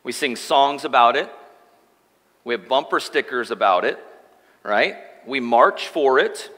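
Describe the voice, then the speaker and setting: A man's voice: medium pitch, animated, a little slow, sharp tone. A man in his thirties preaching a sermon as pastor, joking and chatting with the congregation in asides, from a church stage. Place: church sanctuary. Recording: long church hall reverb.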